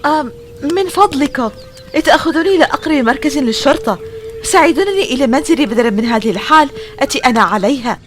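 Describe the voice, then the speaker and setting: A woman's voice: high-pitched, animated, quick pace, over music. A woman in her twenties playing a puzzled modern young woman lost among ancient Romans in an audio drama. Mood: bewildered. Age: 20s. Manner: puzzled, questioning.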